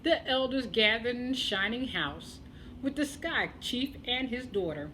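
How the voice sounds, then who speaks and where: A woman telling a children's tale as a storyteller, expressive and deliberate, with dramatic pauses. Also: fairly high pitch, slight background noise, rough recording.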